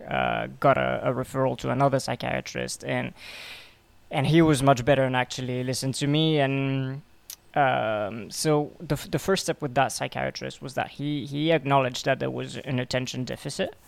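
A man in his twenties from Belgium, a podcast guest telling his story in a halting way, repeating words and filling pauses. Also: medium pitch, steady tone, gravelly, no echo. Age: 20s. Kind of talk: casual interview.

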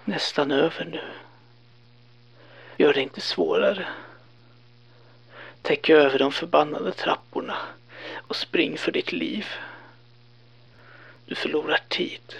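An actor playing a desperate, doomed man who pleads in urgent, hushed whispers in a horror audio drama. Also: fairly high pitch, steady tone, gravelly, long pauses.

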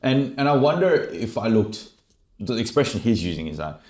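A man's voice: fairly low pitch, sing-song, normal speed, a little mellow. A man working as a live interpreter, relaying another speaker's words in casual conversation. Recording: roomy, echoing sound.

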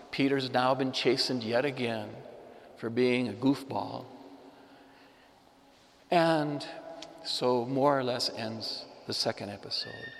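A man's voice: mid-range voice, long reverb tail. A man preaching a sermon, telling a story with emphatic repetition. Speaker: pastor.

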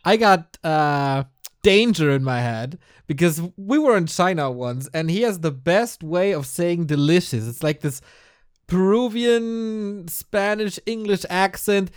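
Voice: medium pitch, expressive, unhurried, clear, resonant tone. A co-host chatting casually on a podcast, laughing often and sounding upbeat. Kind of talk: casual chat.

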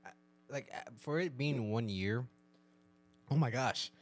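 Excitable man co-hosting a podcast. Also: medium pitch, a little slow, slight background noise. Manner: excitable, laughs often, restarts words. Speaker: podcast co-host. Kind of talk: casual chat while eating hot wings. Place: podcast studio with a soundboard. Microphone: close podcast mic.

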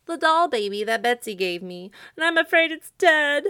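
A woman's voice: high-pitched, very animated, measured pace, pushed and bright, no echo, studio quality, pitched above the performer's own voice, exaggerated voice. A woman voicing a timid male scarecrow in a storybook, pleading and earnest, eager to please. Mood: tearful, afraid.

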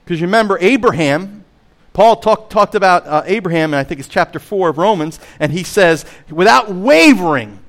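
A man preaching a sermon as pastor, emphatic, slowing on key phrases, swinging between loud and hushed, and asking the listeners direct questions. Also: high-pitched, expressive. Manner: emphatic preaching with wide swings in loudness and slowed stressed phrases; asks the congregation direct questions.

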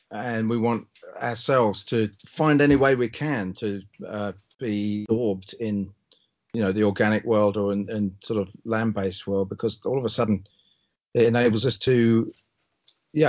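A man in reflective conversation, searching for words and pausing between short phrases. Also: on the low side. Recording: dull, muffled lo-fi audio.

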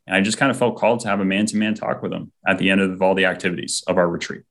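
Talking fast in a low, level voice with creaky texture and a fairly bright tone, a man recounts his faith journey earnestly as an interview guest. He frequently performs the words of people he quotes.

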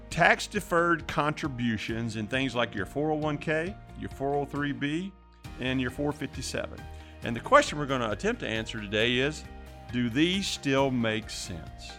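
A man's voice: medium pitch, expressive, normal speed, fairly bright tone. Male podcast host with faint music behind. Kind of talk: hosting a financial discussion.

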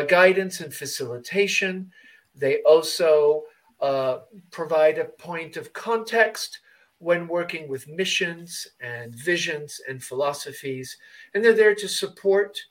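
A man's voice: on the high side, a bit bright, rough recording. A man hosting a podcast, chatting casually and rambling a little through his introductions. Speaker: podcast host.

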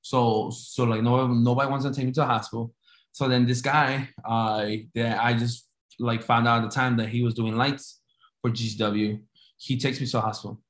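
A man's voice: medium pitch, level tone, normal speed. A man telling a story casually, rambling with lots of restarts. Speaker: storyteller recounting an injury. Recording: echoey room.

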